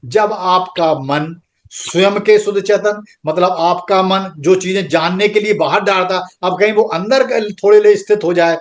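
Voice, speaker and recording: High-voiced man teaching a spiritual class. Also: unhurried. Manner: patient, repetitive explaining with frequent "theek hai". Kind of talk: online class lecture. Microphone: computer microphone on an online group call.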